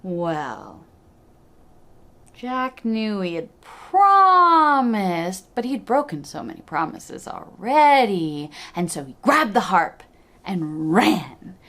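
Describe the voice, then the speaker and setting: A woman telling a fairy tale in an expressive, playful way, dropping to hushed asides. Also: medium pitch, takes it slowly. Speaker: storyteller.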